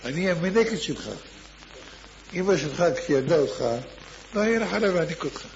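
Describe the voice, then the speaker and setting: A man's voice: high-pitched, animated, a little hiss or hum. A man voicing a very old, devout woman who earnestly begs a favor, in a slightly muffled recording. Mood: pleading. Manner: earnest, imploring. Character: very old pleading woman, devout former wet nurse.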